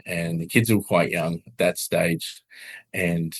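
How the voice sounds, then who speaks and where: Low-voiced man telling a personal story. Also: steady tone, husky. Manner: halting, earnest storytelling with many restarts and soft laughs. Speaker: podcast guest. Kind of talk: personal testimony in conversation.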